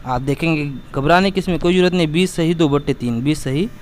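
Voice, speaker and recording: Man, math teacher, patient and repetitive, fairly high voice, faint traffic noise behind. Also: fast talker. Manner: patient, repetitive, addresses students as beta. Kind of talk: explaining math lesson to students.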